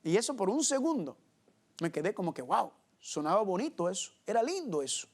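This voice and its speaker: A man's voice: sits high, very animated, brisk, a little mellow. A man preaching a Bible teaching sermon, asking his listeners rhetorical questions and answering them himself, and often calling them family. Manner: keeps addressing listeners as family.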